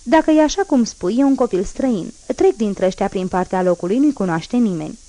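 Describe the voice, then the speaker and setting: A woman's voice: medium pitch, expressive, warm tone, close to an everyday voice. A woman voicing a wary, frightened village priest who gives curt, dismissive replies, in a storybook reading.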